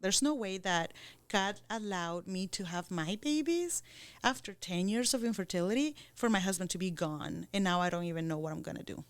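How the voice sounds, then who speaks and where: A woman from Costa Rica, talking in a halting way with many restarts and fillers in a casual podcast chat. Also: medium pitch, clear, resonant tone, dry recording. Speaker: co-host.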